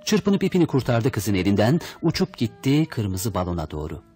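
Lively low-voiced male storyteller. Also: moderate pace, soft background music. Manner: expressive, voices the characters' lines. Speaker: audiobook reader. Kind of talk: storybook narration.

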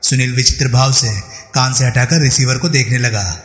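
A man narrating a crime thriller audiobook in a steady storytelling manner. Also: medium pitch, moderate pace. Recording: roomy reverberant room, faint music.

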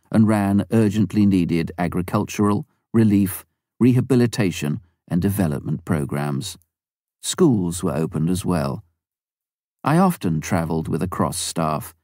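An audiobook reader with a deep, warm male voice narrates a memoir in a measured, even manner. The recording is close and dry, with no room sound.

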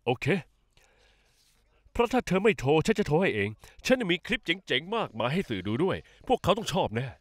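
A smug, scheming male in-law in a dubbed soap opera, mocking and taunting with a lively, swooping delivery. The voice sits a little high for a man. The sound is dry and close, with no room echo. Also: a little fast.

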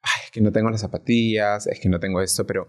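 Un hombre invitado a un pódcast que habla de forma sincera y reflexiva, y que busca a menudo la confirmación de su interlocutora. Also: male voice, lowish voice, steady tone, fast talker. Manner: earnest, reflective, often checks in with "¿no?". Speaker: podcast guest. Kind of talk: casual podcast conversation.

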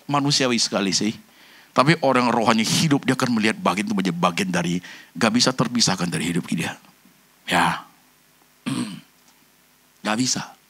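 A pastor preaches a sermon straight to his congregation, his husky voice swinging between loud, high bursts and low, quiet passages. He speaks at normal speed, pauses often, and drops in English phrases.

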